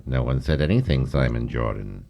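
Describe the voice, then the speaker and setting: An actor as The Shadow, low-voiced, theatrical sleuth. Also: male voice, animated, vocal fry, mellow, slight background noise, exaggerated voice. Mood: stern, mocking. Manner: measured, deliberate, theatrical. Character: suave, kindly gentleman detective, also a grave avenging phantom. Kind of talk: old-time radio drama acting.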